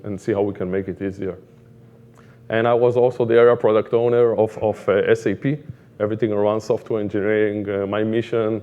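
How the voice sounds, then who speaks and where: A lowish, mellow male voice comes across in lo-fi quality. The speaker, a middle-aged Israeli man and product management director, gives a casual conference talk in his accent, feeling for words with halting, repetitive phrasing and frequent fillers.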